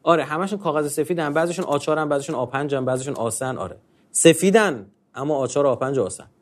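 A man giving a conversational religious talk on marriage. He talks in an informal way with polite fillers, and he keeps asking rhetorical questions and answering them himself. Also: fairly high pitch.

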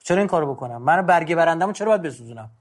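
A man's voice: on the high side, lively intonation. A middle-aged man giving an informal, conversational lecture, going through numbered tips with emphasis. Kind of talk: informal talk on controlling anger.

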